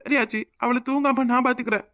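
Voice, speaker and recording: A woman voicing an emotional young village husband in a cartoon, with a Tirunelveli Tamil accent, pleading and quick to flare up. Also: on the high side, steady tone, a bit bright, dry recording, studio quality, lightly acted. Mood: earnest. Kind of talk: cartoon voice acting.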